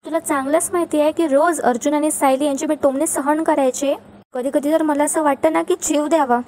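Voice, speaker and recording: A woman's voice: high-pitched, fairly even intonation, a little fast, a little mellow, slight background noise, close to an everyday voice. A woman reading as a tearful, pleading young wife.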